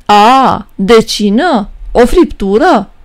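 A greedy male devil pries and demands, his voice fairly high and bouncing in pitch. A woman puts him on while reading a storybook. Keep him pushy and curious. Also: animated, close to an everyday voice. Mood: prying. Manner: prying, demanding.

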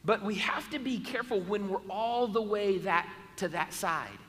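Bright, high-voiced male pastor preaching. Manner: emphatic, repetitive, with halting restarts. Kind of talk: sermon. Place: church sanctuary. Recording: long church hall reverb.

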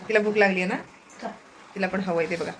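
A woman's voice: medium pitch, steady tone, a little fast, slight background noise. Chatty woman vlogging at home. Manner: chatty, addresses viewers as friends. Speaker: family vlogger. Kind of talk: casual home vlog.

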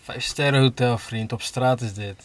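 A man's voice: mid-range voice, steady tone, moderate pace. A young man chatting on a travel vlog, upbeat and casual, often tagging his sentences with "man", filmed on a handheld camera. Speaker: travel vlogger. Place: outdoors and in a parked minivan.

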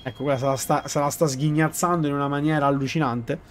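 A man's voice: on the high side, steady tone, quick pace, faint music behind. A man giving let's play commentary on a video game, chatty and often correcting himself mid-sentence. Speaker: gaming video host.

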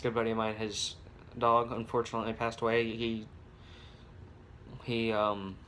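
A man's voice: fairly low pitch, monotone, moderate pace, a bit bright, a little hiss or hum. A young man making a casual home vlog on his phone, rambling with many restarts and fillers. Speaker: vlogger. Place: home with babies heard nearby. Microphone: phone camera.

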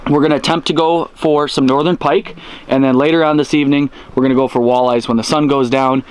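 A man's voice: mid-range voice, steady tone, fast talker, clear, resonant tone, no room sound. A young man hosting an outdoor vlog on a frozen lake, talking to camera with upbeat enthusiasm. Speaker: outdoor channel host. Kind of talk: energetic vlog presenting. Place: outdoors on a frozen lake, then inside an ice tent.

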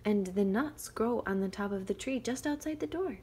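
A woman voicing a clever, quick-witted eldest girl in a fairy tale, eager and lively. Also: medium pitch, slightly rough, voice pushed up. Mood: sweetly cunning.

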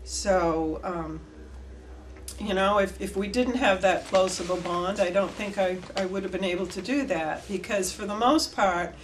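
Here an older woman reminisces for an oral history project, speaking at medium pitch and a little slowly. She narrates animatedly and moves her hands as she talks; the setting is an indoor room before flags, with a bit of hiss or hum.

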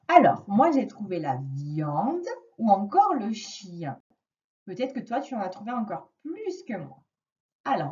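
A woman teaching a reading lesson to a young child, slowly and patiently stressing each sound. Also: on the high side, warm tone, far from the mic, dull audio. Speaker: primary school teacher.

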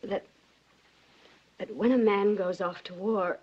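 An actress playing a gentle middle-aged mother speaking tenderly in a 1940s film. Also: mid-range voice, steady tone, slow pace, breathy edge. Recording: muffled old film soundtrack.

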